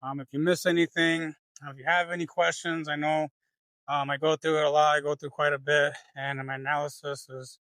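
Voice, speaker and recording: A man's voice: fairly high pitch, flat delivery, a little fast, fairly bright tone, no room sound, rough recording. A man who works as a real estate agent, walking through market numbers in a casual video with lots of fillers and restarts. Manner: loose, filler-heavy, thinking aloud.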